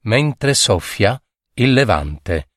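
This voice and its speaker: A man narrating a literary short story in a measured, expressive reading on a close mic. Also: fairly low pitch, dry recording. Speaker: audiobook narrator.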